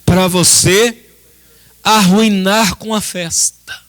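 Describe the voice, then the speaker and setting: At a church service, a Brazilian pastor with a high, slightly bright voice preaches slowly and with fairly even intonation. His sermon is impassioned and dramatic, full of rhetorical repetition and direct appeals to the congregation.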